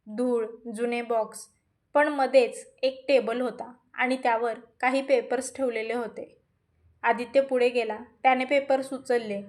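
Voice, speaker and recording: A woman narrating a dramatic story in a steady, measured reading voice. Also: a little high.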